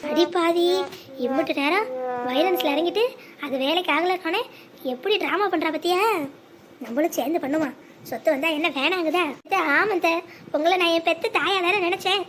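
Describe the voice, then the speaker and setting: A voice actor playing a greedy son-in-law who makes sly asides and fawning pleas, in a sped-up, pitch-raised cartoon voice. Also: moderate pace, fairly bright tone, a little hiss or hum.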